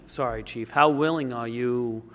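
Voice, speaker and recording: A man's voice: mid-range voice, a little slow. Man grilling the chief at a public meeting, medium voice, reverby room. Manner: pointed, pressing questions. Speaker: fire commissioner. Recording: long reverb of a meeting hall.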